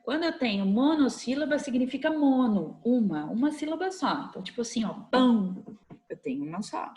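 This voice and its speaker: A woman's voice: on the high side, expressive, fairly quick, darkish tone. A Brazilian woman teaching a recorded online class to young children, patient and coaxing, checking in often with short questions. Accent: Brazilian Portuguese. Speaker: primary school teacher.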